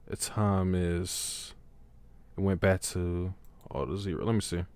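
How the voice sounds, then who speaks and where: Slangy, animated man hosting a podcast. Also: low-pitched, a little slow, clean tone, dry recording. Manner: animated, slangy, laughs often. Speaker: podcast host. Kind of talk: casual chat on a livestream podcast.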